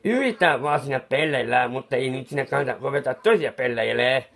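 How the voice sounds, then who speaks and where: A man's voice: mid-range voice, gravelly, a bit bright. A man playing a bumbling, befuddled clown painter who rambles in confused mutters with restarts, kindly fussing over someone crying. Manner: soothing, scolding someone who cries. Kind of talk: comic improvised monologue.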